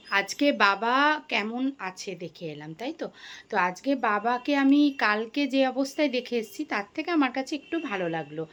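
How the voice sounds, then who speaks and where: A middle-aged woman, talking to her viewers in a casual daily vlog, chatty and full of fillers. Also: on the high side. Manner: chatty, addresses viewers as friends, frequent fillers. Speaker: vlogger.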